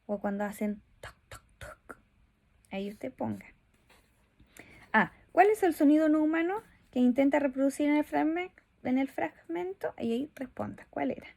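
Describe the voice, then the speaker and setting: A woman teacher talks through a video lesson for young pupils. Her voice sits a touch high with a rough, creaky grain. She stays friendly and keeps checking that the children are following. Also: lively intonation, normal speed, a little mellow. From Chile.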